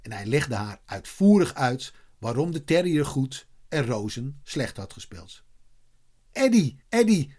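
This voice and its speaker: A man reading a children's story aloud in a lively way, voicing the characters. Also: mid-range voice, a little slow, hardly any pauses. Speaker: narrator.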